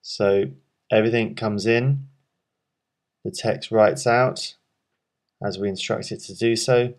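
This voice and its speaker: A man presenting a software tutorial, calmly explaining each step of a screen walkthrough with frequent ums. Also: fairly low pitch, takes it slowly.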